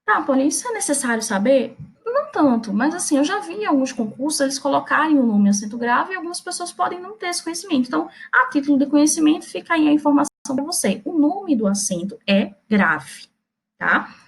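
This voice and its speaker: A woman's voice: high voice, animated, fast talker, vocal fry. A Brazilian woman teaching Portuguese grammar in a recorded lesson, explaining step by step, checking in with her students and making small playful jokes. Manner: chatty and playful, makes small jokes and slips.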